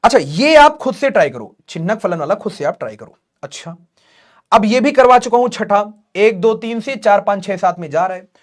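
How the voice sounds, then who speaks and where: A man's voice: sits high, lively intonation, normal speed. A man teaching math in a live online class, joking and teasing students between explanations.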